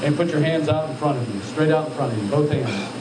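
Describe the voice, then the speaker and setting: Fast and a little high, the voice is a man's, an altitude chamber instructor leading hands-on training live. He gives trainees orders, questions them as he checks on each, and calls them sir. Audio is echoey, distantly miked, and full of loud machinery hum.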